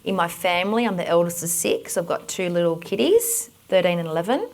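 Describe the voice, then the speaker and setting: Energetic Australian woman leading a workshop. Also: lowish voice, fairly quick. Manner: direct, energetic and instructing. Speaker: workshop presenter. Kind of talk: conference workshop talk.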